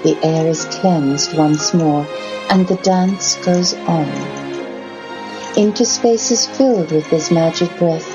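A woman reading a scripted guided meditation in a gentle, soothing, poetic manner. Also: deep voice, slow. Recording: muffled band-limited sound under clear music. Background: music.

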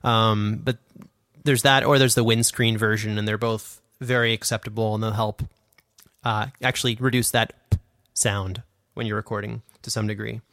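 In a laid-back instructional podcast chat, this audio drama producer and host talks with a lowish, fairly bright voice that barely moves in pitch, at a moderate pace. He's right up on a condenser studio mic with no room sound, sounding keen and self-deprecating.

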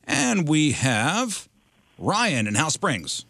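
A man's voice: on the high side, very animated, drawn-out words, pushed and bright, dry recording. A man hosting a radio game segment like an announcer, repeating bids and drawing them out for suspense.

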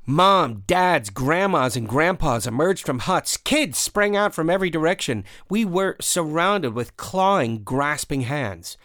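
A man hosting a radio show, telling a first-person story in a measured, expressive way and raising his voice at the tense moments. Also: fairly high pitch, no echo, clean studio sound.

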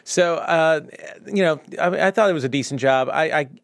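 A man's voice: fairly high pitch, normal speed, no room sound. Man from New York, casual podcast chat. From New York City. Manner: relaxed, chatty, with some filler. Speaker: podcast co-host.

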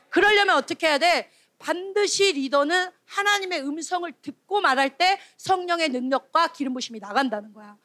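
A female junior preacher giving a lively sermon to children and teens, asking the room questions and acting out scolding voices. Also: high-pitched, no echo, studio quality. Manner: animated, calls out questions and acts out scolding voices. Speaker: junior preacher at a youth retreat.

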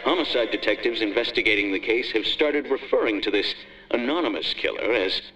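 A man narrating a true-crime documentary in a grave, measured way. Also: lowish voice, expressive. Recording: distant, under loud music.

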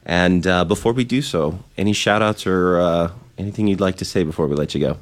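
A man's voice: deep voice, fairly quick. A young man hosting a radio show, chatting casually and signing off the evening. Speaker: radio host.

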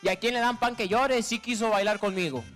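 High-voiced Mexican man doing crude stand-up. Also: fairly quick, fairly bright tone, soft background music. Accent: northern Mexican. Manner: crude slangy storytelling, constant filler tag; acts out women in a higher squeal. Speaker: stand-up comedian. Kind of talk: stand-up comedy monologue.

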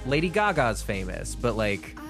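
A man co-hosting a casual music podcast, talking in halting bursts padded with "like.". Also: medium pitch, big pitch swings. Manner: halting, leans heavily on "like". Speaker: podcast co-host.

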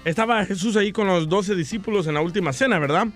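A man's voice: high voice, fast, soft background music. A man co-hosting a radio show, teasing the others and laughing often. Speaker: radio co-host. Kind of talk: joke-telling radio banter.

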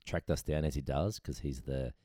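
A man with an Australian accent and a very deep, mellow voice. He chats as an enthusiastic podcast guest, telling casual stories in a dry-sounding space. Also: steady tone, moderate pace, no echo. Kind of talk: casual chat, anecdotes. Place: at a kitchen table indoors.

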